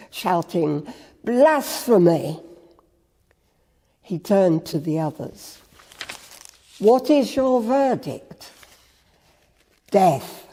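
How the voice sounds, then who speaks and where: A church reader giving a Good Friday meditation, with slow, measured storytelling and a long reverb. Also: mid-range voice, mellow, slightly rough.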